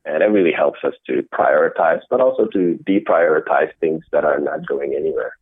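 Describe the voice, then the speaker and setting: A middle-aged man from the Netherlands answering interview questions in a measured way, often restarting his sentences. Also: a bass voice, slightly rough, dry recording. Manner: measured, with frequent restarts and fillers. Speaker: interview guest, innovation executive. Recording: dry, tinny phone-like call audio.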